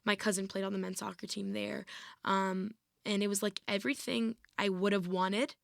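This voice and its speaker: A varsity athlete in her twenties, guesting on an interview podcast, casually recounts her experiences, peppering them with "like" and "I was like". Her medium-pitched voice is steady, with vocal fry, at a moderate pace. The studio-quality recording has no room sound.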